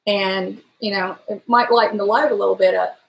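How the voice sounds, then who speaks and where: This middle-aged woman has a mid-range, creaky, trained voice with real power, speaking at a normal speed. She's livestreaming a casual, animated chat from her home kitchen, gesturing and slipping into song. A webcam at desk distance captures it, with reverberant, poor audio.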